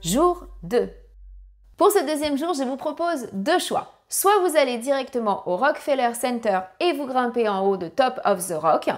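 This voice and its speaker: Woman narrating travel tips for families, kinda high voice, direct and practical. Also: expressive, normal speed, faint music behind. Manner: gives direct tips, apologizes for her English pronunciation.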